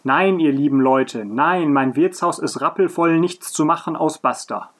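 A man voicing a grim, grumbling innkeeper played by a boy in a nativity play, curt and gruff. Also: medium pitch, moderate pace, close to an everyday voice. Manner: grumpy, curt.

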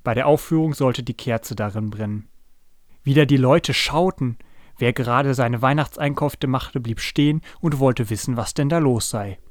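Man, children's story reader, calm and even, mid-pitched, dry close mic. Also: normal speed, dry recording. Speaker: podcast host and story reader. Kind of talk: reading a children's story aloud.

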